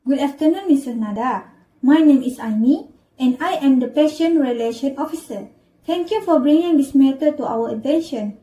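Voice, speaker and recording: A woman's voice: high voice, expressive, moderate pace, dark tone, low-quality recording. A woman playing a patient relations officer in a scripted role-play, with formal, apologetic empathy.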